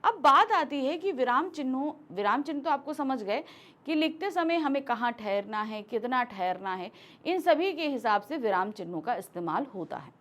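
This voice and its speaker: A woman's voice: sits high, expressive, normal speed, fairly bright tone. A woman teacher explaining a grammar lesson step by step, acting out example sentences as she goes.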